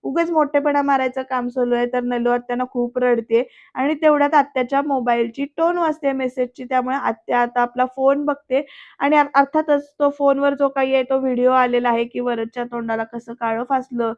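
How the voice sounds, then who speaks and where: High, flat-voiced woman recapping a serial. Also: brisk. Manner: retells scenes step by step, addressing viewers directly. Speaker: TV serial reviewer. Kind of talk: voice-over episode recap. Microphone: voice-over, not recorded in the pictured place. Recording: dull lo-fi voice-over.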